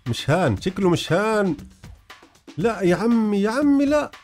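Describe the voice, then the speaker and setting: A man giving excited gameplay commentary, hurried and teasing, repeating phrases. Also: high voice, faint music behind. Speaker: gaming YouTuber.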